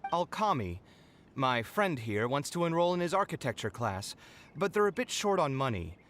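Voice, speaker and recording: Kaveh, an earnest architect. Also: male voice, fairly high pitch, big pitch swings, normal speed, fairly bright tone. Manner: earnest, principled. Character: earnest young male architect. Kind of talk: game voice acting.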